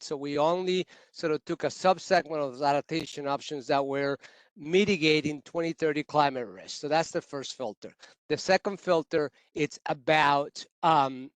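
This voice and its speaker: A man who leads utility climate adaptation work, giving measured, technical explanations on a video call with frequent restarts. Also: on the high side, clear, resonant tone, no echo. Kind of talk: virtual workshop remarks.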